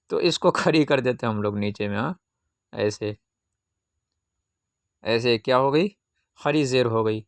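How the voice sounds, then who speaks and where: A man teaching a Qaida reading lesson, patiently asking questions and answering them himself, with drawn-out syllable recitation. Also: mid-range voice, no echo, studio quality.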